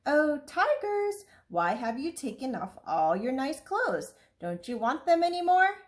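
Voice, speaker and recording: A woman voicing a frightened, clever little boy in a storybook read-aloud, pleading politely in a high voice. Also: normal speed, darkish tone, natural voice. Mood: anxious.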